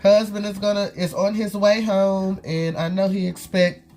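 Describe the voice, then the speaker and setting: A woman's voice: medium pitch, little pitch movement, normal speed, darkish tone. A woman with a stuffy, nasal voice from a cold, chatting casually to viewers as she cooks in her home kitchen. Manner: chatty, talks straight to viewers while cooking. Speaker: cooking vlog host. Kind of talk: casual cooking chat.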